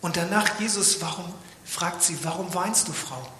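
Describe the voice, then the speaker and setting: A man's voice: high-pitched, moderate pace, slight background noise. A man preaching a sermon in a church, dramatic, sometimes dropping to a whisper for emphasis. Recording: echoey church hall with long reverb.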